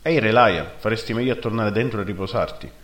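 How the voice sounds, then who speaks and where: A man voicing a gruff, suspicious male dwarf captain who talks bluntly, in a roomy recording. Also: lowish voice, fast, fairly bright tone, close to an everyday voice. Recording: roomy echo.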